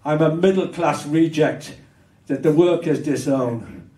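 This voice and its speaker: An older man with a Hull accent performing spoken word poetry on stage, measured and wry with bursts of anger. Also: fairly high pitch, warm tone, distant mic. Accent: Hull, Yorkshire. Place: small dark performance venue. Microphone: stage mic on stand, filmed from far. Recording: roomy venue sound from afar.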